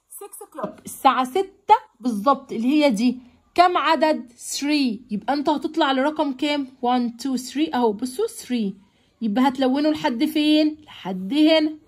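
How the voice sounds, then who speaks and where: A young Egyptian woman leads a children's English lesson in her own Arabic-accented speech. Her voice sits high. She coaxes the pupils gently and keeps asking whether they follow. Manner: coaxing, checks in with pupils often. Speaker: English teacher.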